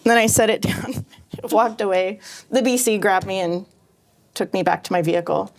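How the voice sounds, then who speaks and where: A woman moderates a casual panel and slips into storytelling. She is animated, lifting her voice to act out the lines she quotes. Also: medium pitch, normal speed, creaky. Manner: animated, acts out quotes in a raised voice.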